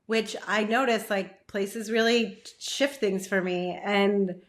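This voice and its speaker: A woman's voice: medium pitch, fairly even intonation, slow pace. A woman actor talking as a podcast guest in a casual, gushing way, laughing easily. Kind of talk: casual chat.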